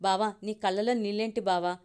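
A woman's voice: medium pitch, fairly even intonation, a little fast, a little mellow, smooth, close to an everyday voice. A woman reading the part of a loving young wife who speaks in a pleading, affectionate way.

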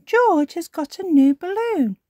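A woman's voice: very high-pitched, animated, unhurried, warm tone, dry recording, clean studio sound, pitched above the performer's own voice. A woman voicing a cheerful, bossy little girl pig in a storybook reading. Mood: bossy chirpy. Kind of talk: storybook read-aloud.

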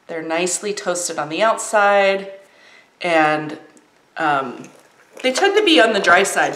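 A woman's voice: fairly low pitch, a little hiss or hum. A woman chatting casually while reviewing and tasting snacks, with lots of ums. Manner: chatty, warm, frequent ums. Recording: roomy echo.

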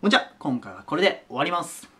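A man teaching a grammar lesson at a whiteboard, chatty and animated, talking to viewers as his students. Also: a little high, fast talker.

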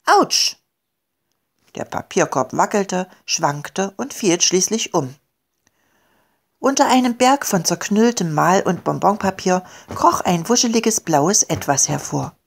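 A woman reads her own children's story aloud in a calm, expressive way. Her voice sits a little low and has a gravelly, creaky edge. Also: unhurried. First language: German. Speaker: author and reader.

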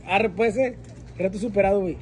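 Filming a food challenge in an indoor grocery store, a Mexican-accented man with a high, brisk voice and a darkish tone teases and eggs someone on in casual slang. His phone is held at arm's length, and the busy store fills the background with crowd noise.

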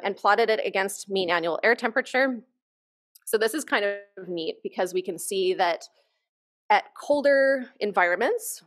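Woman, researcher, conference presentation on stage, lectern mic, enthusiastic, informal. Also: mid-range voice. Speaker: conference keynote speaker, researcher.

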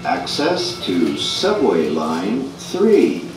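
A woman's recorded voice giving station announcements over a subway train's loudspeaker intercom, formal and clipped. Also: a bass voice, huge pitch swings, drawn-out words, noisy background. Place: inside a moving subway train. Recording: echoey, distant onboard loudspeaker.

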